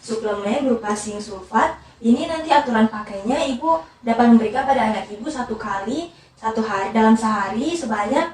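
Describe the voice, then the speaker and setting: Fast, polite customer service woman in echoey room. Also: fairly high pitch, expressive, darkish tone. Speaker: pharmacist in a student counseling role-play. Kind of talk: rehearsed customer service role-play. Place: echoey indoor room, away from the mic. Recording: echoey room, distant mic, faint noise.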